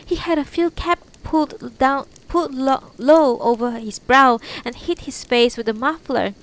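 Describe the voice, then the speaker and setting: A woman's voice: sits high, unhurried, pitched above the performer's own voice. A woman voicing a shaken, earnest young lady giving testimony in a storybook reading. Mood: agitated. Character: shaken, discreet young Japanese lady recounting an intruder. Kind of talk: audiobook-style character reading. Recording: noticeable background noise.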